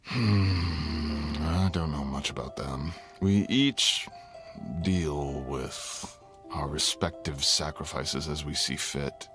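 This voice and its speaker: In an ASMR roleplay, a man plays a dragon king in human form, speaking intimately as a lover in a courtly, teasing, tender way. His very deep voice is slow and fully in character, with a candid, wry mood and music in the background.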